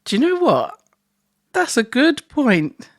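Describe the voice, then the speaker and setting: A woman's voice: high voice, wildly swooping pitch, slow, no room sound. A woman co-hosting a casual couple podcast, teasing her husband as they talk. Her voice rises and falls freely, and the sound is dry and close. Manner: teasing, playful. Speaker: podcast co-host.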